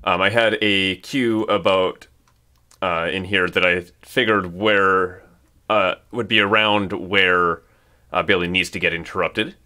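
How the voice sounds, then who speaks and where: Low-voiced man, rambling and hesitant. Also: fairly even intonation, unhurried, sharp tone. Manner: rambling, hesitant, many restarts. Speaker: music creator. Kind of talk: casual commentary video.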